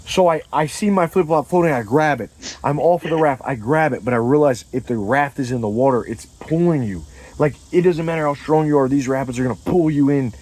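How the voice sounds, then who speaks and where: A man telling a comedic story in casual chat, animated and profane, acting out scenes with sound effects and quoted lines. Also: mid-range voice, a little fast, low-quality recording.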